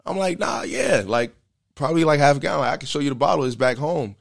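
A man's voice: fairly high pitch, animated, fast, creaky. A man candidly telling a personal story in a casual interview, earnest and slangy, with loose fillers.

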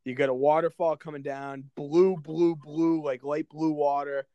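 A young man co-hosts a casual podcast with a slightly higher-pitched voice. He tells stories in a loose, rambling way and swears offhandedly. The sound is dry and close to the mic. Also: fairly even intonation, a little slow, dark tone, clean tone, no room sound, muffled recording. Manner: laid-back storyteller, swears casually. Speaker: podcast co-host.

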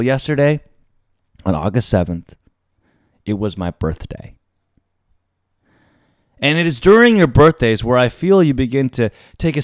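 Theatrical, showman-like man with a clear voice. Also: lowish voice, no echo, studio quality. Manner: emphatic, dramatic pauses and rhetorical questions. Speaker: podcast host. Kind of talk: solo confessional podcast talk to listeners.

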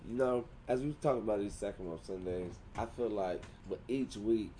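A man's voice: lowish voice, moderate pace, background noise. A man co-hosting a casual podcast, joking, swearing and slipping into goofy voices. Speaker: podcast co-host. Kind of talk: rowdy casual chat.

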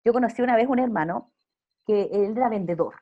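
A woman's voice: on the high side, brisk, muffled recording. A woman speaking earnestly in a casual faith interview, preaching with emphatic repeated phrases.

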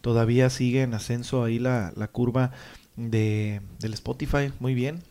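A man's voice: medium pitch, moderate pace. Laid-back Tijuana man, slangy banter. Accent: Northern Mexican, Tijuana. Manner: relaxed, slangy, jokey, trails off and restarts. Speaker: podcast co-host. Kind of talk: casual chat.

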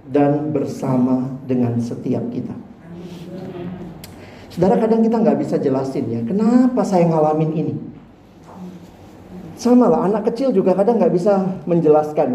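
A middle-aged man preaching a sermon, telling a story in an animated way and addressing the congregation directly. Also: on the high side, a little hiss or hum. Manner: animated, acts out voices in anecdotes, addresses listeners as "saudara". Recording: echoey room, distant mic.

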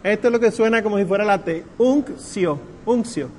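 A man's voice: high voice, fairly even intonation, racing, a little hiss or hum. A man teaching a class on church Latin pronunciation, patiently explaining and drawing out the prayer words. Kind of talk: classroom lesson.

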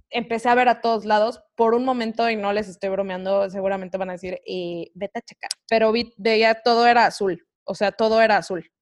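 Slangy young Mexican woman, high voice. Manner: slangy, candid, animated storytelling. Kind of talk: casual chat.

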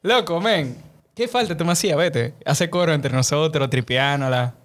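Teasing Dominican man, lightly high voice. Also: expressive, moderate pace. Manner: teasing, irreverent. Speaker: podcast co-host. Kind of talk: casual slangy banter.

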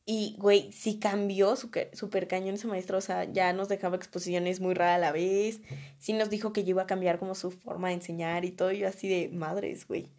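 A woman's voice: mid-range voice, level tone, a little fast, a little mellow. A young woman with a Mexican accent, telling a story about her college days in a chatty way, full of slang and fillers. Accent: Mexican Spanish. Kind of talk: casual storytime.

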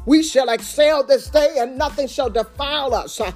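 A woman's voice: high-pitched, normal speed, darkish tone, soft background music. A woman leading a fervent spoken prayer in a chanting cadence, starting many phrases with "uh". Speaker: prayer leader.

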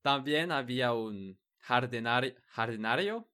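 A man's voice: medium pitch, animated, unhurried, sharp tone, smooth. A man in a casual chat, speaking hesitantly, restarting words and searching for the right ones. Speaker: conversation partner. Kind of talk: casual chat in a learned language.

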